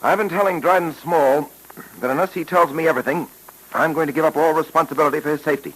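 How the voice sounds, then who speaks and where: An actor playing an earnest male police detective in a 1940s radio drama, speaking calmly and with authority. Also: a little high, natural voice, rough recording. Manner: calm, measured, authoritative.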